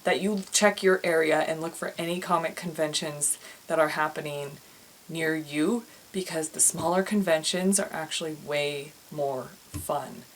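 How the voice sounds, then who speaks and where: A woman's voice: deep voice, a little hiss or hum, rough recording. A young woman, an author, talking casually to her viewers in a rambling way, often restarting and repeating words. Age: young adult. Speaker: author and vlogger. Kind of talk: casual chatty vlog.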